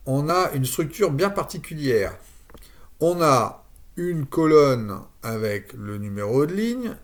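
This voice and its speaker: A man giving a screen-share software tutorial, thinking aloud with frequent fillers and restarts. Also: medium pitch. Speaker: automation tutorial presenter.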